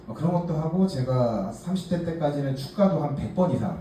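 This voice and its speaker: A man's voice: on the high side, expressive, fairly quick, warm tone. Chatty Korean man in an echoey room. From Gangneung, Gangwon Province, South Korea. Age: 40s. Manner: chatty, self-mocking, many fillers. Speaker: case presenter at a workshop. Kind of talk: personal story talk to a group. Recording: echoey room, distant mic, faint hiss.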